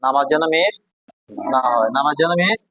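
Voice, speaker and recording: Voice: medium pitch, expressive, normal speed, highs cut off. A Quran teacher, patiently drilling a class on letter sounds and asking them questions. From Bangladesh. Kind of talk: classroom call-and-response drill.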